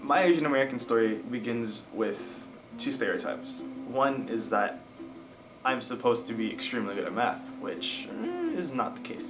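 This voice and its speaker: A man's voice: mid-range voice, big pitch swings, normal speed, low-quality recording. Guy in an interview, casual and wry, music behind.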